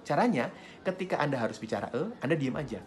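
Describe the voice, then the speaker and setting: A man teaching public speaking in a friendly, lively way, swinging his pitch up and down to show intonation. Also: fast, slight background noise. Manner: friendly, chuckles between points. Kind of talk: instructional talk to camera.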